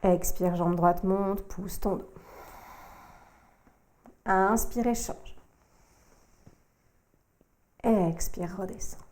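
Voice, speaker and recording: Woman yoga instructor, gentle slow cueing, mellow warm voice. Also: medium pitch. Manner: calm, slow cueing of breath and movement, addressing the listener informally. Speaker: yoga teacher. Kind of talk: guided yoga core workout instruction.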